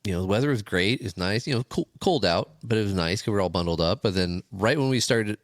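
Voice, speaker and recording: Man, low voice, relaxed casual podcast chat, agreeable, dry close sound. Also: quick pace, dry recording. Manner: relaxed, agreeable, lots of "yeah" and "you know". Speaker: podcast co-host.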